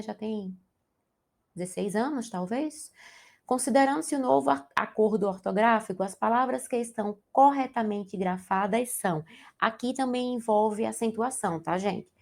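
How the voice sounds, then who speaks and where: A woman's voice: medium pitch, vocal fry, darkish tone. A young woman from Brazil, a Portuguese teacher, giving an exam-prep grammar lesson with a Brazilian accent and checking in with the class as she explains. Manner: explanatory, asks the class to check in with tag questions.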